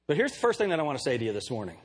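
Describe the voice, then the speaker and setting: Preacher guy, nasal and kinda husky, voice jumps all over, cracks jokes. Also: medium pitch, rapid-fire. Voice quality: nasal, light voice. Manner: jokey, animated preaching with rhetorical questions. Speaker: pastor. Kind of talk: sermon.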